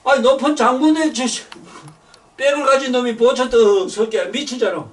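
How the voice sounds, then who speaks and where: An older man with a voice high for a man delivers a sermon at a moderate pace, ranting bluntly, cursing, and circling back over the same words. The microphone is distant, so he sounds set back from it.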